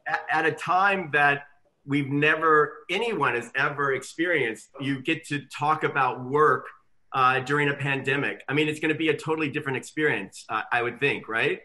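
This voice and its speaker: Male host, enthusiastic, very bright tone, upper-middle pitch, casual chat. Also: normal speed. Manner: enthusiastic, eggs guests on.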